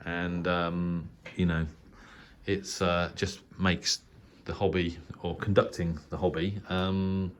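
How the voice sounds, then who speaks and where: A deep, slow voice with little pitch movement belongs to a middle-aged English shortwave radio hobbyist who hosts a channel. He narrates a casual, unscripted tour of the small spare bedroom he uses as a radio shack, hesitating and rambling. The recording, made in a home room, is clearly noisy.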